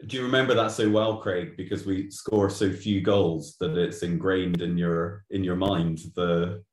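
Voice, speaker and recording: A man's voice: sits low, steady tone, unhurried. A Glaswegian man, a podcast guest who stumbles and repeats words as he starts his sentences. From Glasgow, Scotland. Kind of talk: casual podcast interview. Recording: roomy echo.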